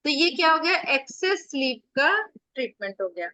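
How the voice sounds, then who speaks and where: A woman's voice: high voice, big pitch swings, normal speed, pushed and bright, no echo. A woman acupressure teacher giving an online revision lecture over a video call, explaining step by step with rhetorical questions and staying firm with her students.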